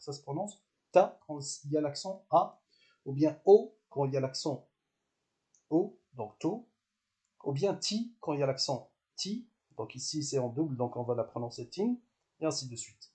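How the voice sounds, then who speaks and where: A man gives a calm, step-by-step lesson in a slightly high, mellow voice. He repeats short syllables patiently for his listeners, often pausing and restarting with fillers. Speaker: Arabic language teacher.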